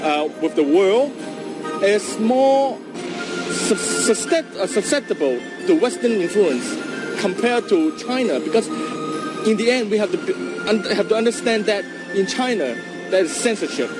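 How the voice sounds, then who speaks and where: High-voiced man. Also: animated, measured pace, loud music behind the voice. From Hong Kong. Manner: stumbling over words. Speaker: interviewee. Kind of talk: street interview answer.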